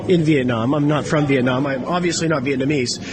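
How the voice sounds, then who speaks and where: An older retired man, born in Canada, answering interview questions in a measured, matter-of-fact way. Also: medium pitch, crowd noise. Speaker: guest, association founder.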